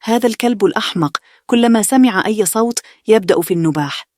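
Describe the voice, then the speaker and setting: A woman's voice: medium pitch, fast talker, a little mellow, no room sound, studio quality, pitched above the performer's own voice, natural voice. A woman reading the part of a mocking older brother, a young man, in a bedtime story. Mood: scornful. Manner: sneering, scornful.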